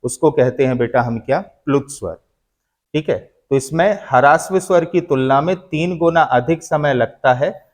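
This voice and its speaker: A man teaching a grammar lesson, who keeps asking his students questions and answering them himself in a patient, drawn-out way. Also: fairly high pitch. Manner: slow, drawn-out explanation. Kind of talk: classroom lecture on grammar.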